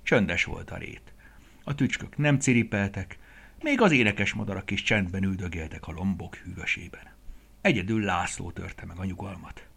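A man reading a children's story aloud in an expressive, gentle storytelling way. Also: low voice, vocal fry, slightly rough.

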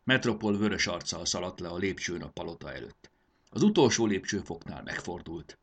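A man's voice: low-pitched, expressive, breathy edge. A man narrating a storybook expressively, doing voices for the characters.

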